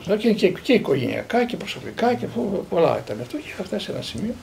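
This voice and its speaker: A man in his sixties from Greece, a priest and theologian, tells his own stories in a fairly high voice that rises and falls a great deal. A gravelly rasp runs through his speech. He quotes the people in his stories and often repeats words as he builds to a point. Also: slight background noise. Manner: lively storyteller who quotes others and repeats words. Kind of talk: recounting personal memories.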